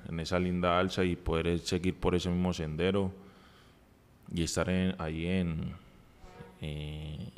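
Deep flat-voiced man. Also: clear, resonant tone, long reverb tail. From Colombia. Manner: halting, many restarts and fillers. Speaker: football player. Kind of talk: press conference answers. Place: press room in front of a sponsor backdrop. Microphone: table mic.

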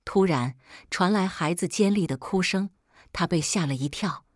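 A woman reading a family drama story aloud as narrator in an even storytelling manner. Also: lowish voice, moderate pace, no echo, studio quality.

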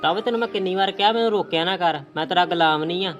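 A man's voice: high-pitched, racing, a bit bright, highs cut off, soft background music. A man playing a neglectful young husband in an amateur family drama, curt and dismissive. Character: neglectful young husband who later repents. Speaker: son and husband; channel host.

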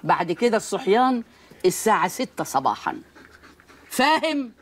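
Lively bossy old grandmother. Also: medium pitch, normal speed. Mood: stern. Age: older. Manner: commanding, scolding. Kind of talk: comedy film acting.

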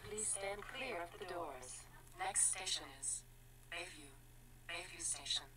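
Low-voiced woman's train announcement, noisy. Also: a little slow. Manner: steady, formal door and next-stop calls. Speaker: transit announcer.

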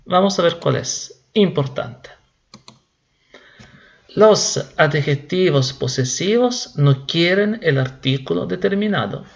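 A man teaching Spanish grammar slowly and deliberately, repeating each word. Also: fairly high pitch, lively intonation, vocal fry, dull audio. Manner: slow, deliberate, repeats words. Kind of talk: slow classroom explanation.

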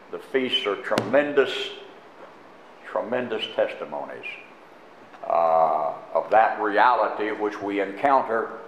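Older guy preacher, low voice, slow and halting, echoey muffled church stream. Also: slight background noise. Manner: halting, many fillers and restarts. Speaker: pastor introducing a guest teacher. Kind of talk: unscripted church announcements and sermon.

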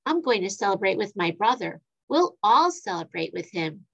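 A woman's voice: mid-range voice, sing-song, moderate pace, creaky, highs cut off, voice pushed down, exaggerated voice. A woman doing a cheerful young train driver. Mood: playful. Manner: bright, friendly greetings.

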